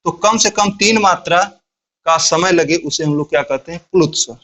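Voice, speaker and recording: High-voiced man teaching a grammar lesson. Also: normal speed, a bit bright. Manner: explains step by step, asks questions and answers them himself.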